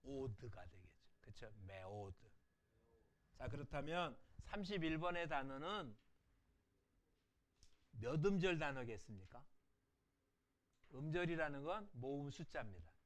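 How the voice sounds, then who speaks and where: A man's voice: on the high side, lively intonation. A middle-aged man giving a recorded language lecture, patiently explaining and answering his own rhetorical questions. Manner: repeats example words slowly and softly.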